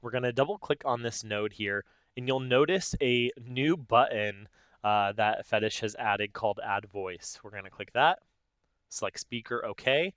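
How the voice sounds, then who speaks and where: In a casual step-by-step software tutorial, the male host explains things informally and thinks aloud as he works. His voice is medium-pitched at a moderate pace, and the recording is dry.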